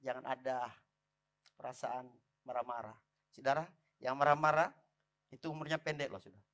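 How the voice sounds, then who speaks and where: A man preaching a lively sermon in church, calling out to the congregation. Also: medium pitch, brisk. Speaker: pastor.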